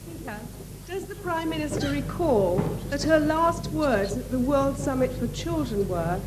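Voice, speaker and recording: A woman's voice: high-pitched, animated, a little slow. A British woman MP putting challenging rhetorical questions in heated parliamentary debate. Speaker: opposition member of parliament. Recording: noisy parliament chamber.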